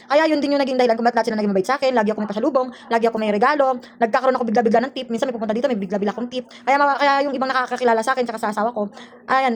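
Woman from the Philippines, domestic worker vlogging; quick, slightly high, aggrieved storyteller. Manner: rapid, aggrieved recounting. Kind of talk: casual storytelling vlog. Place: employer's house indoors.

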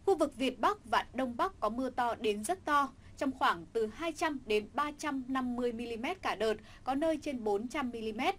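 A woman reading a scripted weather forecast in a steady, formal newsreader manner. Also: sits high, moderate pace, few pauses.

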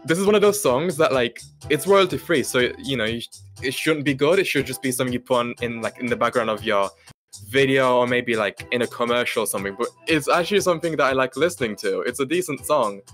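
A man's voice: mid-range voice, quick pace, a bit bright, soft background music. A young adult British man giving a casual, off-the-cuff product demonstration with dry joking asides. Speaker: tech tester. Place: small carpeted bedroom at a computer desk. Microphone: desktop microphone, laptop mic or phone, varying.

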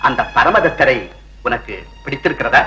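A man's voice: mid-range voice, normal speed, natural voice. An actor playing a pleased, reassuring father in formal old film dialogue. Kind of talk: dated Tamil film dialogue. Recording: music playing under the dialogue.

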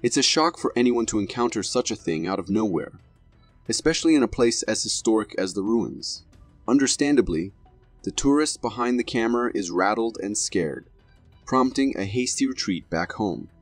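A man's voice: lowish voice, lively intonation, normal speed, no echo, soft background music. A man reading scripted narration for a video compilation in a dramatic, formal manner.

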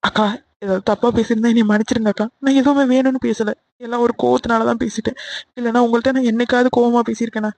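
A voice actor performs a bold younger aunt in an animated family drama. She talks quickly, pleading and reassuring by turns, in a mid-pitched voice. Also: gravelly, no echo, natural voice. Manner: coaxing and pleading. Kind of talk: Tamil cartoon voice acting.

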